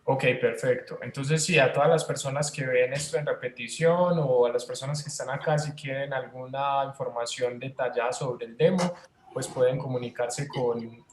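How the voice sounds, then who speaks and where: A man's voice: mid-range voice, a little hiss or hum. A man hosting a community livestream who speaks loosely to the viewers, with many fillers. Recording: echoey room.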